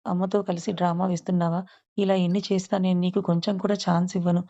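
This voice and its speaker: A woman's voice: on the low side, flat delivery, fast talker, warm tone, dull audio. A woman voicing a resentful young husband, curt and dismissive in a storybook reading. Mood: cold.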